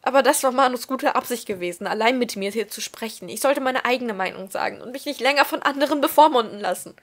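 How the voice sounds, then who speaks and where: A young woman reading a story aloud with expression, often dropping to a soft whisper. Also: a little high, fast talker. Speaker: story reader.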